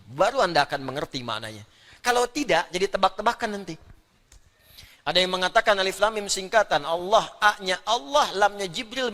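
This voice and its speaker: A man preaching an Islamic lecture, animated and playful, voicing sounds aloud to demonstrate them. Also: high voice. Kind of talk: religious lecture. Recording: long hall reverb.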